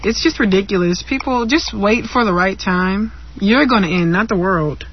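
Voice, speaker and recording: A man's voice: high-pitched, moderate pace. A teenage boy holds forth among friends, opinionated and teasing. The recording is dull and lo-fi, with faint background hiss. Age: teens. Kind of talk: casual group chat.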